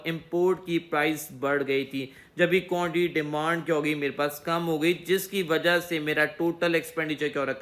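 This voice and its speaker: High-voiced man teaching economics. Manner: repetitive question-and-answer explaining. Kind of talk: recorded classroom lecture.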